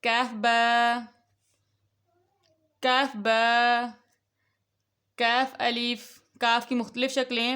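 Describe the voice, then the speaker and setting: A woman teaching a Quran reading lesson for children, explaining patiently and reciting letter names slowly and clearly. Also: fairly high pitch, a bit bright. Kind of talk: instructional lesson.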